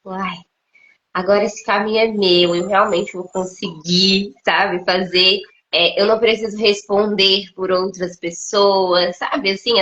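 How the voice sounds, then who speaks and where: A Brazilian woman from Minas Gerais with a Mineiro accent, hosting an interview in a relaxed, conversational way and sharing her own experience. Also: mid-range voice. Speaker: host. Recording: dull lo-fi live-stream audio.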